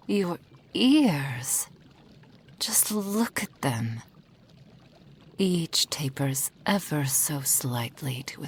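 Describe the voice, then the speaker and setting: In an intimate ASMR roleplay, a woman plays a possessive, doting kitsune witch, her low, slightly mellow voice breathy and often whispered. The delivery is exaggerated, silky and formal, with a curious, fascinated mood.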